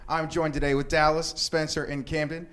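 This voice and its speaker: A man's voice: a little high, level tone, fairly quick, fairly bright tone. A man hosting a casual Christmas quiz game, upbeat and laughing often as he reads the questions. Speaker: host.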